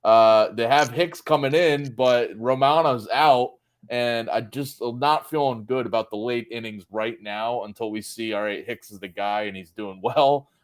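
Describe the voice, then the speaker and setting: A man's voice: medium pitch, a little slow. A man co-hosting a sports betting show, steering the talk and running through stats with frequent fillers. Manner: steady, filler-heavy, runs through stats. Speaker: co-host, betting analyst. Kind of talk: casual sports betting chat.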